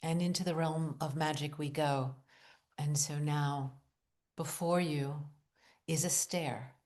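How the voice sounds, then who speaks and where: Very slowly, a low-voiced woman leads a guided meditation, placing each short, careful phrase and then pausing at length. Her tone stays steady, and her hushed, calming delivery repeats itself like an incantation in this visualization narration.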